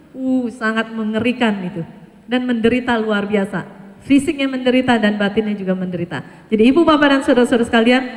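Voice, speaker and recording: A woman with an Indonesian accent gives an earnest public talk in a high voice. Her words ring out with a long hall reverb. She lectures emphatically to an audience. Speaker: Buddhist nun speaker.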